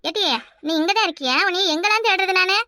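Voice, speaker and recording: A nagging old village mother-in-law, as a woman voices her for a cartoon, speaking Kanyakumari Tamil in a very high, bright voice. She rattles along fast and sounds dry and close-miked. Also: dry recording. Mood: scolding. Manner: nagging, defensive, calls others "ஏட்டி". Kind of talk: cartoon voice acting.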